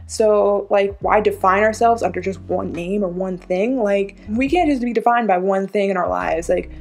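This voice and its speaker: A woman giving an excited reaction vlog, gushing and chatty, full of "like" and laughs, swearing freely. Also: medium pitch, moderate pace. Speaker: reaction vlogger. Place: home room.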